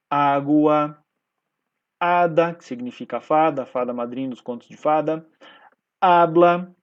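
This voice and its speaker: Brazilian male teacher for a recorded class, slightly high voice, patient explanations with frequent tag questions, dull lo-fi sound. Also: a little mellow. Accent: Brazilian Portuguese. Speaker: Spanish teacher.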